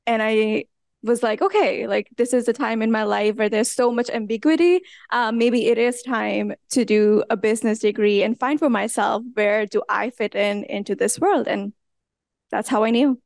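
A woman on an alumni panel tells her story in a lively, chatty way. Her voice is fairly high and smooth, and she uses many fillers. The sound is dry. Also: normal speed, no echo. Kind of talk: answering on a live panel. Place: large university lecture hall.

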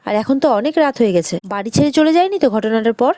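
A woman's voice: on the high side, animated, quick pace, dark tone, no room sound, clean studio sound. A woman narrating a recap of a TV serial episode, reading every character's lines in her own voice. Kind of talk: fast read-aloud story recap.

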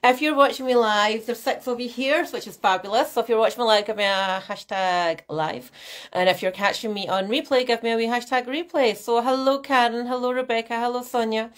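A nutrition coach talks a little fast, in a slightly high voice, during a live-stream masterclass from a small room at home. Recorded on her laptop webcam mic, she's chatty and animated, gestures a lot, and greets viewers by name.

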